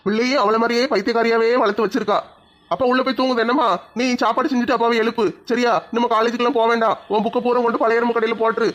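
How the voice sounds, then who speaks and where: A man's voice: very high-pitched, level tone, rapid-fire, fairly bright tone. An actor playing a drunken, shameless middle-aged father. He talks in a blustering, mock-pleading way. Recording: dull lo-fi sound.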